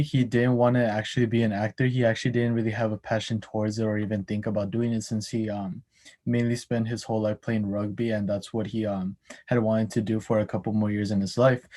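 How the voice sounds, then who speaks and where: A man's voice: on the low side, darkish tone. A young man giving a class oral presentation, hesitant, with many ums and restarts. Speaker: student presenter.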